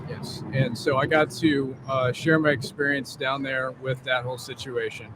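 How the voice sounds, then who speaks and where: A man from Ohio who grew up in Columbus and now works as a case manager speaks at a normal speed with a flat, mid-range delivery. In a casual interview on a streetside bench outdoors, street noise in the background, he plainly and candidly recounts his past.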